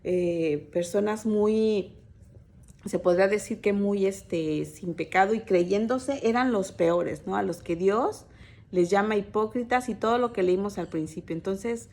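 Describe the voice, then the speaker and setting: Mellow-voiced woman teaching with many fillers. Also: mid-range voice, measured pace. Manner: hesitant, many fillers and restarts; conversational storytelling, addressing listeners as sisters. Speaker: women's Bible teacher at church. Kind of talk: informal sermon to a women's group.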